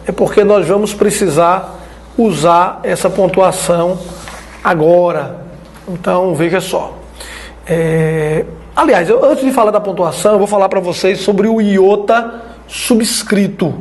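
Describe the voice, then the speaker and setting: A man from Brazil teaching an online Biblical Greek lesson, explaining slowly and checking in with his listeners as he writes on the screen. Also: high-pitched, gravelly, a little mellow.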